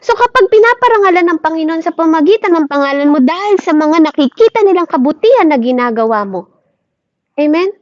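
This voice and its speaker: High-voiced Filipina woman preaching. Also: lively intonation, brisk, no room sound, muffled recording. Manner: questioning the audience, switching to English phrases. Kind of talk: sermon.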